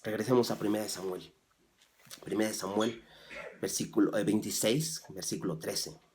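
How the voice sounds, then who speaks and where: A man preaching a sermon as pastor. He drops to soft, low asides, then rises loudly when he reads scripture, and he asks his listeners rhetorical questions. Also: fairly even intonation, normal speed. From Mexico. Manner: swings from soft, low asides to loud, raised scripture reading.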